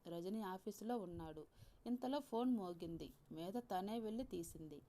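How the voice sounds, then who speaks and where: A woman with a Telugu accent reading a story aloud in a calm, measured way, softly voicing the characters. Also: medium pitch. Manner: calm, measured reading with soft voiced dialogue. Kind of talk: scripted story narration.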